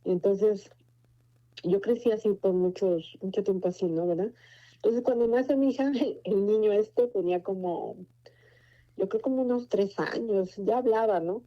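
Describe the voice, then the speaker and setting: A woman's voice: medium pitch, moderate pace, dark tone. A Mexican woman in her forties giving a personal faith testimony, telling her story in an earnest, meandering way. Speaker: testimony speaker. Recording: muffled lo-fi recording.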